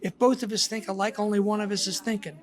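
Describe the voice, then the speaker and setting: High-voiced older man telling stories. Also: fairly even intonation, fast talker. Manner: storytelling, reflective, with frequent restarts. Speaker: guest author. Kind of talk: casual podcast conversation.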